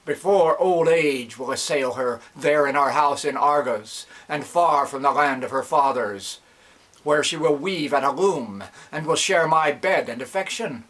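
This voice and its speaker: A man's voice: a little high, unhurried, fairly bright tone, rough recording. A man voicing a proud, harsh warrior king, declaiming threats in metered dactylic verse with stern authority.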